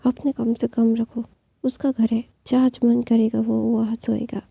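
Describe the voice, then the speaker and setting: A woman voicing a stern, protective older woman in a husky whispered role-play. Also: on the high side, level tone, measured pace, warm tone, dry recording, full character voice. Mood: scolding.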